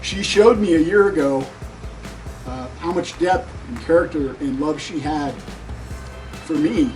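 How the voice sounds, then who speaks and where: A man giving an unscripted graduation tribute, emotional and halting, with many pauses and fillers. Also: a little high, a little mellow. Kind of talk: unscripted speech at a ceremony. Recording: voice a bit distant, music behind.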